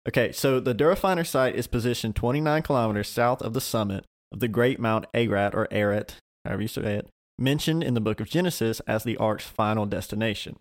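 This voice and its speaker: A man's voice: medium pitch, quick pace. Man reading and joking on a faith podcast. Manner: stumbles over hard names, jokey asides. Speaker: podcast co-host. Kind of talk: casual chat, reading out an article.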